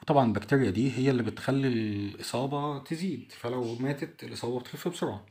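A man with an Egyptian Arabic accent, explaining an English textbook lesson in a chatty way, saying each English word slowly and translating it. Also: medium pitch, darkish tone. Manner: chatty, addresses the listener directly. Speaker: English teacher.

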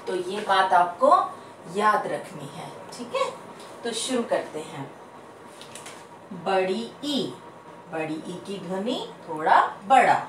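A woman primary school teacher giving a slow lesson to children, drawing out words in repeated drills and asking the class questions. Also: medium pitch, animated, slight background noise. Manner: drawn-out sing-song word drills, asks questions to pupils. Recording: echoey room, voice from a distance.

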